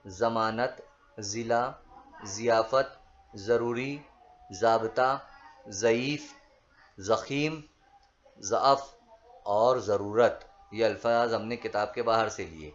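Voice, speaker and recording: Slow measured male teacher listing words. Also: lowish voice, slight background noise. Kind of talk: reading out word lists for a school lesson. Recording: dull lo-fi recording.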